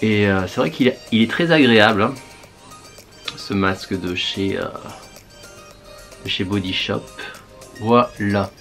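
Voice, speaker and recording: Low-voiced man chatting hesitantly. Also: unhurried, creaky, pauses often, a bit bright, faint music behind. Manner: hesitant, thinking aloud with many fillers; applying a face mask while talking. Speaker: beauty vlogger. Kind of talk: casual chat to viewers.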